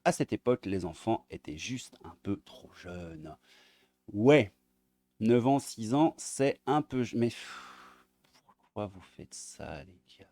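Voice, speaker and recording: Mellow-voiced man, sarcastic commentary. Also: fairly low pitch, lively intonation, slow, no echo. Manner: crude, sarcastic, mutters asides under his breath. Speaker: online video commentator. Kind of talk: sarcastic commentary while reading articles aloud.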